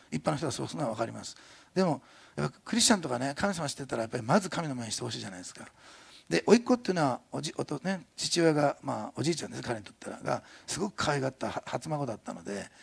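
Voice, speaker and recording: Gravelly, husky older male pastor. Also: medium pitch. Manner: chatty, animated, frequent tag questions and laughs. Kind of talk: sermon.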